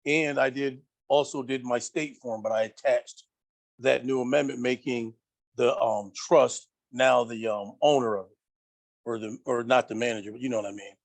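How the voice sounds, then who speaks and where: A man's voice: medium pitch, steady tone, moderate pace, gravelly. A man with a mid-range voice calls in to a live video-call class. He rambles, often restarting his sentences, and sounds frustrated as he explains his situation. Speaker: caller. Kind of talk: casual call-in question.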